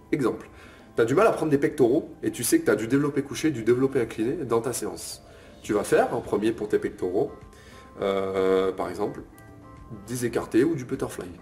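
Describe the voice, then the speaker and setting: His voice is mid-range and a little mellow as this young coach explains bodybuilding techniques straight to camera. He keeps it casual, calls the viewer tu, and frequently drops in "ok?" and "euh".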